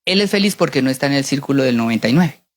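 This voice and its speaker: A woman voicing a sly, calm male royal adviser who speaks in a knowing tone in a sermon story. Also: rumbling low, racing, pitched below the performer's own voice.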